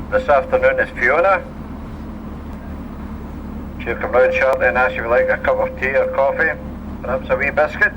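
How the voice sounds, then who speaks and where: A man's voice: fairly high pitch, muffled recording, noisy background. Scottish man on a ship tannoy. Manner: dry, joking patter. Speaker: tour boat crewman. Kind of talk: humorous safety briefing and guided commentary.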